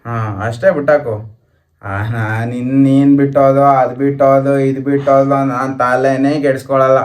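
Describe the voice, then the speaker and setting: A man's voice: mid-range voice, level tone, normal speed, darkish tone. A young man vlogger, repeating pleas and boasts as he argues with his partner on camera. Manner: pleading, repetitive, boastful. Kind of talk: couple prank vlog argument.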